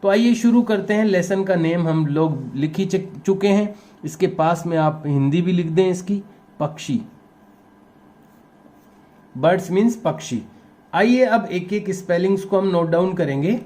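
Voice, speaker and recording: A male teacher talks his pupils through a picture dictionary, spelling each word slowly one letter at a time. His voice sits a little high for a man, but the tone stays soft and mellow, and his pace is very unhurried. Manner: spells words letter by letter, patient and instructive. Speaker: primary school teacher. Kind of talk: slow classroom dictation lesson.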